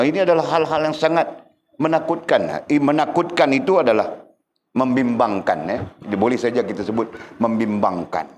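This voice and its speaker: A man's voice: mid-range voice, slight background noise. A middle-aged man, giving a religious lecture in a conversational style and teasing his listeners with questions. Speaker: religious teacher.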